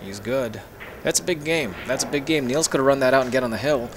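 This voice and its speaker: A man's voice: medium pitch, fast talker, noisy background. A man commentating a pool match on a live stream, chatty and joking, telling anecdotes between shots.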